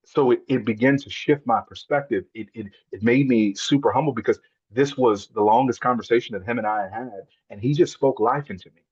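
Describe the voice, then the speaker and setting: A man's voice: mid-range voice, a little fast, darkish tone, husky, no room sound, lo-fi sound. A man, a podcast guest, telling a heartfelt personal story in an earnest, emotional way, repeating words when moved.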